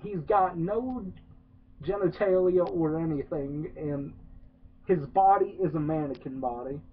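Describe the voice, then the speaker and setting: Man, slow rambling rant, fairly high voice, tinny phone-like recording, sarcastic, swears. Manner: rambling, profane, many filler "uh"s, sarcastic. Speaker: film reviewer. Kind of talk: ranting movie review.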